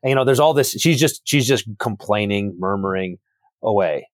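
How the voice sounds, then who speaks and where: A man's voice: fairly low pitch, lively intonation, moderate pace, dry recording, clean studio sound. A man, an author and guest, talking thoughtfully through theological ideas and often repeating words as he builds a point. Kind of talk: reflective theological conversation.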